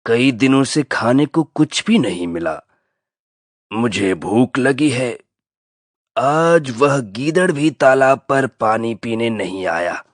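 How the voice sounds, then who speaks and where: A man voicing a hungry, gloomy male crocodile who talks slowly and heavily in a school audio drama. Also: medium pitch, lively intonation, dry recording, studio quality. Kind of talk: textbook audio drama acting.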